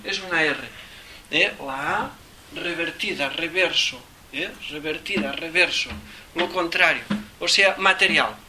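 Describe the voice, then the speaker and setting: Man, Catalan accent, high bright voice, rambling lecturer, distant mic with faint hiss. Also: a little slow. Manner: rambling, asks "¿eh?" again and again, thinks aloud. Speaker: teacher of theosophy. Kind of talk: informal talk to a small group.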